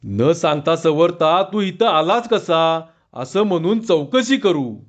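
A man's voice: a little high, lively intonation, takes it slowly, dull audio. A man voicing a village man calling out. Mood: plain, earnest.

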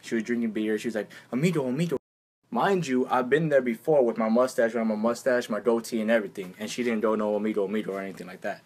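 Young man, husky voice, animated slangy vlog rant, mimics others' lines. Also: fairly low pitch, fast talker, few pauses. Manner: animated, acts out other people's lines in a raised voice; exasperated, uses slang. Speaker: vlogger. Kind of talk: casual storytelling rant.

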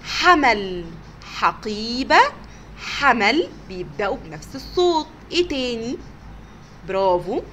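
A woman with an Egyptian Arabic accent teaching kindergarteners, sounding out words slowly and praising them often. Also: fairly high pitch, big pitch swings, fairly bright tone, slight background noise. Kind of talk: recorded online lesson for young children.

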